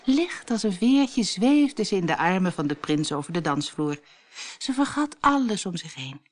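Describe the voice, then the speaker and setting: A woman narrating a fairy tale as a storybook read-aloud, expressive and lively. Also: fairly low pitch, moderate pace.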